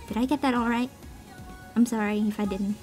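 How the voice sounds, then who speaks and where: Here the voice sits a little high and has a darkish tone, moving fairly quickly with mostly even intonation. She's a giggly, self-mocking amateur cover singer chatting loosely to online listeners in reply to a voice meme, a background song audible throughout.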